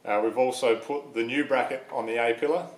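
A man's voice: medium pitch, brisk, roomy sound. A young Australian man casually explaining a car part swap in a workshop shed, plain-spoken with plenty of ums. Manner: relaxed, plain-spoken, frequent ums and uhs. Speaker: vlogger. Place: large metal workshop shed.

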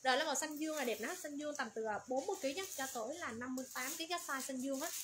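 A woman running a livestream clothing sale, rattling off colors, sizes and prices in quick, repetitive patter. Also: sits high. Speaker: online clothing seller. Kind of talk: livestream sales pitch. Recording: noisy background.

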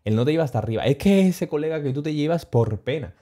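A man telling a travel story on his stream in a casual, animated, slangy way, chuckling as he goes. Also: a little high, fast talker.

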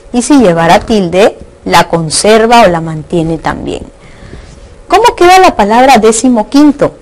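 A woman's voice: medium pitch, low-quality recording. A woman from Peru teaching a recorded lesson on Spanish accent marks. She keeps asking rhetorical questions and checks in with her students as she goes.

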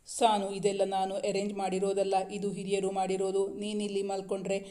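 A man voicing a young husband in a storybook reading, speaking softly and coaxingly. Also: high voice, completely flat delivery, fairly quick, natural voice. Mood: pleading. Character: young husband, gentle and pleading.

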